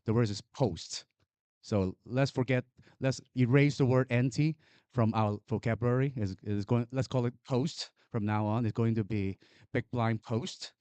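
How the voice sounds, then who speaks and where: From the conference floor, an audience member from Hong Kong whose first language is Chinese speaks English with a Hong Kong accent. He halts and repeats words as he builds toward emphatic points. His voice is mid-range and dark, with no room sound.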